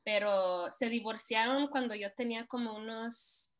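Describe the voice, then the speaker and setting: A woman's voice: fairly high pitch, a little slow. Young woman with a Mexican Spanish accent. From California, United States. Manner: relaxed storytelling with frequent fillers and laughs. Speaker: interviewee. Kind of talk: casual interview.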